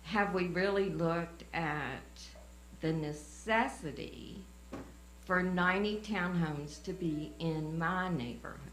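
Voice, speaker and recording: Woman with a slow Southern drawl. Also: fairly low pitch. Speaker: resident speaking at public meeting. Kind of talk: public comment at a civic meeting. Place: indoor public meeting room. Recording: echoey meeting room with faint mains hum.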